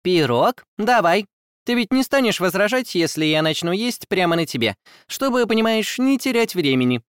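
A male audiobook narrator voicing a tiny, fussy and nosy female fairy who rides an owl, chattering impatiently in a high squeaky put-on voice. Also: big pitch swings, normal speed, clean tone, no room sound, clean studio sound. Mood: bossy. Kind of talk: audiobook character voice.

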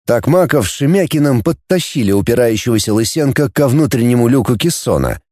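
Narrating an audiobook at a fairly quick pace, a man uses a mid-range voice and an expressive storytelling style. There is no room sound, and the studio audio is clean.

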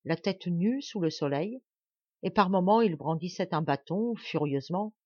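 Female audiobook narrator, calm storytelling, close dry recording, dull lo-fi sound. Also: on the low side, moderate pace, slightly rough, no room sound. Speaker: audiobook reader. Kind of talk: scripted narration of a classic novel.

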